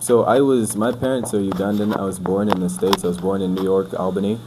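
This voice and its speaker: A UK man in his twenties appears as a podcast guest, chatting in a relaxed, rambling way and saying "like" and "bro" a lot. His voice is deep and fairly quick, set against crowd noise in a noisy background.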